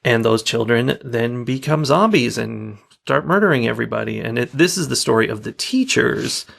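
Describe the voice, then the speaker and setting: A man with a heavily gravelly, creaky voice co-hosts a casual podcast. He talks in a relaxed, easygoing way and laughs easily as he reviews movies. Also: medium pitch, normal speed. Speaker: podcast co-host.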